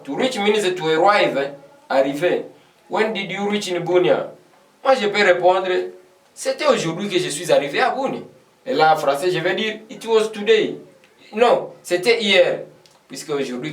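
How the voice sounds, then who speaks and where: Male teacher, high-ish voice, far from the mic in a roomy space, patient and repetitive. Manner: patient, repeats phrases many times, checks understanding. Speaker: English teacher. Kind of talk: classroom lesson explaining English in French. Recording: echoey room, voice from a distance.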